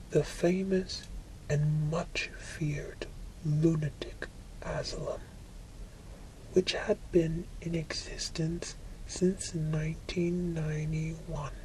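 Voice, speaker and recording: A person reading a book aloud for ASMR in a soft, breathy whisper, with deliberate phrasing and frequent pauses. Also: mid-range voice, slight background noise, low-quality recording. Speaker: ASMR reader.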